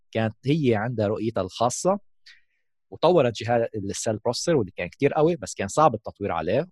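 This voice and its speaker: A man's voice: on the low side, darkish tone, dry recording, clean studio sound. A man with a Levantine Arabic accent giving a casual explanatory tech talk as a gaming host, mixing in English terms.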